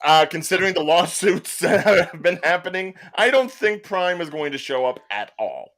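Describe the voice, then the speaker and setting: A man hosting a casual wrestling panel chat, animated and joking. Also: fairly high pitch, normal speed. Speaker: podcast host.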